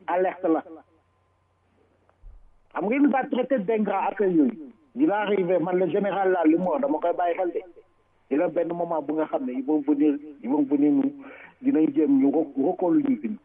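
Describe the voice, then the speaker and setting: A man with a Senegalese French accent giving forceful political commentary, switching between Wolof and French and repeating words for emphasis. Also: high voice. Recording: tinny phone-line sound.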